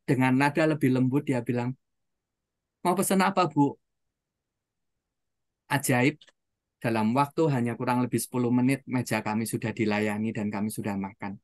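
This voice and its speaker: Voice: mid-range voice, dry recording. Storytelling seminar trainer, dry sound. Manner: storytelling, with frequent rhetorical questions and "gitu ya" tags. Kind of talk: motivational seminar talk.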